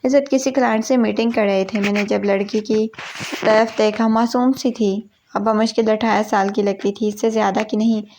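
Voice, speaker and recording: A woman reading a family drama aloud as steady scripted story narration, telling it from a young man's point of view. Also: medium pitch, slight background noise. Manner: even, steady reading in a first-person male role.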